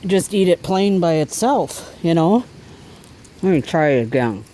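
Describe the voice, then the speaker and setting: A man's voice: a little high, big pitch swings, a little slow, dark tone, slight background noise, low-quality recording. A man casually talking through an outdoor cooking vlog, chatty and easygoing while he eats and cooks by a fire. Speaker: bushcraft vlogger.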